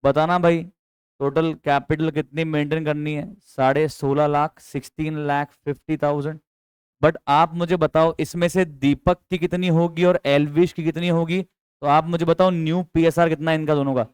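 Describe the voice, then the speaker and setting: A man's voice: on the high side, little pitch movement, moderate pace, darkish tone, clear, resonant tone, dry recording. A young man teaching accountancy in a chatty, coaxing lecture, quizzing students with repeated questions and mixing in English terms. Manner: mixes English terms into speech. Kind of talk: classroom lecture.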